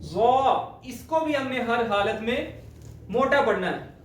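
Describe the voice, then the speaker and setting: A man teaching the correct pronunciation of Quran letters, speaking slowly and deliberately and repeating each sound to demonstrate it. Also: very high voice, animated, slight background noise. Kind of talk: spoken lesson on letter pronunciation. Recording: echoey room, voice far from mic.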